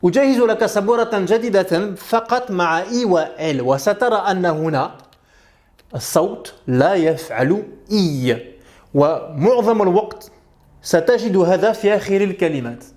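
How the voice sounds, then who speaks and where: High-voiced man teaching reading, playful. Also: expressive, a little mellow. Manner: slow, drawn-out model pronunciations; playful, teasing asides. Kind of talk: bilingual reading lesson.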